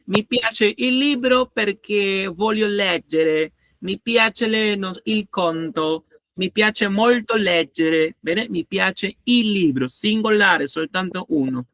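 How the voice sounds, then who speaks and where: A man's voice: sits high, slow, fairly bright tone, dry recording. A man teaching a grammar lesson, patiently repeating each example and checking that students follow. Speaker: language teacher.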